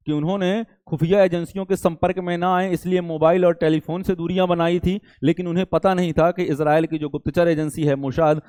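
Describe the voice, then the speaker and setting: With a fairly high, slightly mellow voice, a man teaches current affairs to competitive exam students. His style is didactic, full of check-ins and rhetorical questions. The recording is dry.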